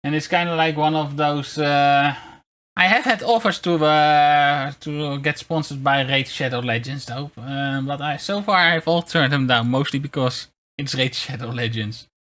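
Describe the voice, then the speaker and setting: A streamer of unclear sex chatting casually in a hesitant, rambling way and reading bits aloud, with a mid-pitched voice. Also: measured pace, fairly bright tone. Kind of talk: casual livestream chat, reading articles aloud. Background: background music.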